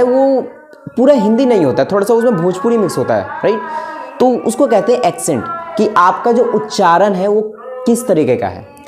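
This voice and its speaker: A woman with an Indian accent teaching a spoken-English lesson, explaining step by step and often checking in with "right?". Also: medium pitch. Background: background music.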